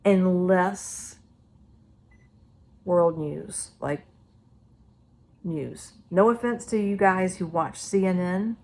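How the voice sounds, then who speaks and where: A woman with a fairly low voice talks casually to her viewers, rambling from one prediction to the next. Her speech is loose and unscripted. A faint hiss sits under her voice. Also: very slow, pauses often, mellow. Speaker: psychic vlogger.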